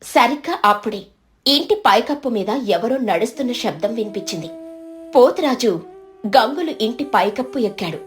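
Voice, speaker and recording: A woman narrating an animated moral storybook in a steady, scripted storytelling voice. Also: on the high side, normal speed.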